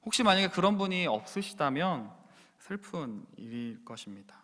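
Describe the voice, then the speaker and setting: Earnest pastor preaching in a reverberant church. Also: male voice, fairly high pitch, very animated, normal speed, sharp tone. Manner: earnest, asks the congregation direct questions. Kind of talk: sermon. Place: church sanctuary.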